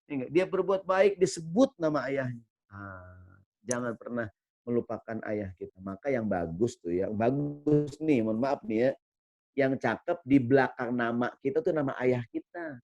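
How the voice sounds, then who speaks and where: A man teaches at an Islamic study session. He tells stories in a lively, joking way and keeps asking his listeners to agree. His voice sits at a middle pitch and the recording is dry and close. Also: moderate pace, no room sound, highs cut off, faint music behind. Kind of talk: religious study lecture.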